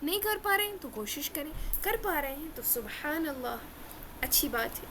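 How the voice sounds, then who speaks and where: Earnest woman teacher, high voice, repeats and slows for emphasis, slight hiss under the recording. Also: expressive. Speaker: Quran recitation teacher. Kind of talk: religious lesson.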